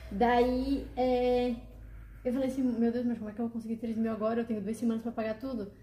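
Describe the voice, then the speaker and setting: A high-pitched woman talks quickly and eagerly. She acts out every line of dialogue with feeling. Her voice is mellow in tone and sits in an echoey room with a little background hiss. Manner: animated, emotional retelling with quoted dialogue. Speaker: guest telling her testimony. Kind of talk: casual storytelling.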